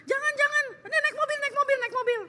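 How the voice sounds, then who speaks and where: A woman's voice: fairly even intonation, pushed and bright. A woman voicing a fussy, overprotective mother who fires off anxious, repeated warnings. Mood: fretting. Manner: shrill, rapid repeated warnings.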